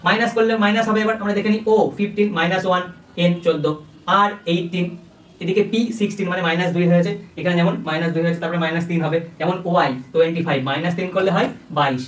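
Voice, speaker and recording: Brief: quick exam-prep tutor, recorded at a distance from the mic. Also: mid-range voice, steady tone, roomy sound. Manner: step-by-step explaining, often checks understanding. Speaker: coaching teacher.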